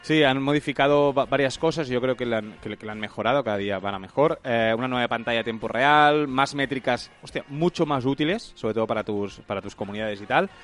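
A man's voice: medium pitch, fast, hardly any pauses, fairly bright tone. A man, co-hosting a casual tech podcast and explaining features with lots of fillers. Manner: explains with many fillers and repeated words. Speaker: podcast co-host.

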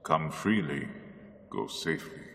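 A man playing an ancient, menacing male vampire count in an old-time radio drama, slow, courtly and sinister. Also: rumbling low, lively intonation, vocal fry, pushed and bright, big-room sound, exaggerated voice. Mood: sinister courtesy.

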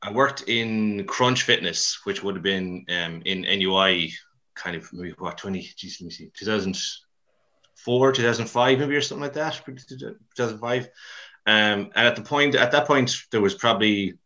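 A man with a west of Ireland accent, hailing from Mayo and Dublin, Ireland, rambles casually and colloquially in an interview, poking a little fun at himself. He's a CrossFit coach on a podcast, speaking at normal speed in a fairly low, sharp voice, with the highs cut off.

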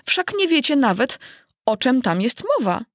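A woman's voice: on the high side, big pitch swings, normal speed, no room sound, clean studio sound, pitched above the performer's own voice. Woman voicing a stubborn little girl. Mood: insistent.

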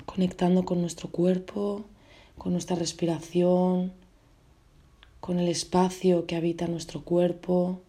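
A woman leads a guided meditation in a lowish, very mellow, relaxed voice. Unhurried, she offers gentle instructions in short phrases with space left between them.

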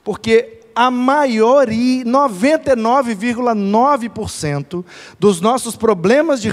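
A high-voiced man tells stories from the pulpit with a bouncing, animated delivery. His words ring out with a long echo in a church hall. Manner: animated storytelling with laughter. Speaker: preacher. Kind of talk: lively church talk. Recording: echoey hall reverb.

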